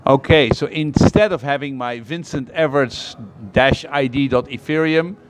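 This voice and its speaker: A man's voice: mid-range voice, a little slow, background noise. A male host interviewing a guest in a casual tech chat, asking probing follow-up questions with enthusiasm.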